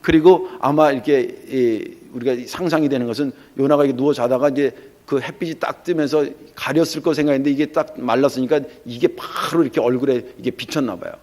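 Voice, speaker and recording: A middle-aged male pastor preaching a sermon in a lively, storytelling way, acting out the voices in the story. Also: mid-range voice, fairly quick, few pauses.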